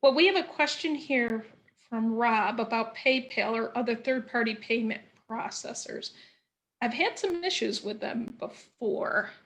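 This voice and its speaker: A woman's voice: a little high, unhurried, a bit bright. A woman hosting a casual online talk show, chatting and reading out viewer questions. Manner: chatty, reads viewer comments aloud. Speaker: host. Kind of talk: casual interview chat.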